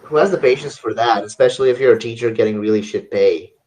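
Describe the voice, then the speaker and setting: A man's voice: mid-range voice, fast talker, darkish tone. A man in his twenties talking bluntly and crudely in a casual group chat, often restarting his sentences. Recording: noisy recording with audible hiss.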